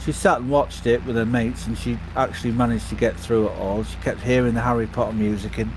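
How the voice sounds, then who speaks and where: A man chatting casually while gaming, relaxed and hesitant with many fillers. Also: mid-range voice, a little fast, background noise. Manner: laid-back, hesitant with many ums. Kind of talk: casual chat.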